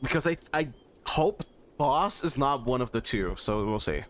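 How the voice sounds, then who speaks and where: A man's voice: mid-range voice, lively intonation, normal speed, a bit bright, slight background noise. Stammering upbeat streamer guy. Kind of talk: casual chat.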